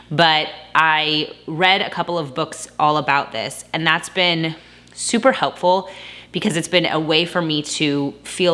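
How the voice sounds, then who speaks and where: A woman's voice: deep voice, pushed and bright. A woman in her thirties chatting casually to her camera as a vlogger, upbeat and a little out of breath. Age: 30s. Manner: chatty, upbeat, frequent laughs. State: slightly out of breath.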